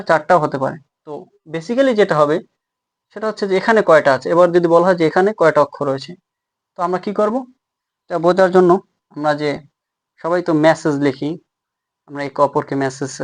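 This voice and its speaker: Higher-voiced man teaching grammar. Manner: explains step by step, asks and answers his own questions. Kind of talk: grammar lesson at a whiteboard.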